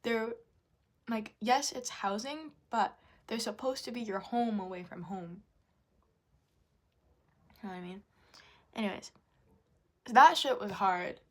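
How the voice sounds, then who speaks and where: In a candid personal vlog, a young woman talks frankly about her own life, rambling and confessional, with fillers and some mild swearing. Her voice is medium-pitched and fairly bright, at a measured pace with long pauses. She's Japanese and grew up in Indonesia and New Zealand.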